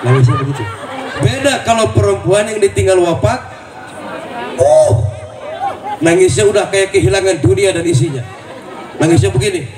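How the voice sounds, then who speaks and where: This Indonesian man's voice sits high and a little mellow, brisk with lively intonation, as he jokes and quizzes the congregation during a humorous sermon. The mosque hall echoes, he is heard from afar, and the crowd is audible.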